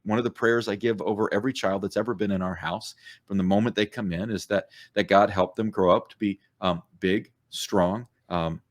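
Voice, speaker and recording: Speaking at a normal speed with a fairly low pitch and a steady tone, a middle-aged man co-hosts a church podcast. As a church coach, he explains things thoughtfully and conversationally, filling his casual chat with lots of fillers.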